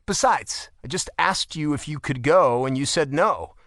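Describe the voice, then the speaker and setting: A teasing, earnest athlete husband, voiced by a man in an audiobook romance. His delivery rises and falls with lively, animated pitch. The sound is close and dry. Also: a little slow, no room sound.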